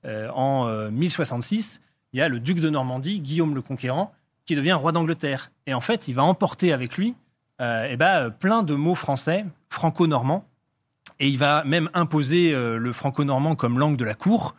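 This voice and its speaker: A man's voice: a little high, expressive, moderate pace. A man explaining things in casual chat, with many fillers and restarts. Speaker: guest linguistics enthusiast.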